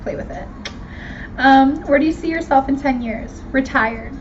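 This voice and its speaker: Her voice sits high and she talks at a normal speed: she's a 29-year-old American woman from Miami, Florida, hosting a Q&A video where she answers viewers' questions. She chats casually and candidly, slangy and poking fun at herself, over dull, lo-fi audio with noise in the background.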